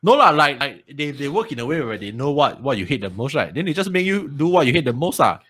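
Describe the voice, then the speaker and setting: A man's voice: mid-range voice, big pitch swings, quick pace, a bit bright. A Singaporean man bantering casually in colloquial Singlish, ending phrases with particles like lah and ah. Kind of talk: casual joking banter in a group.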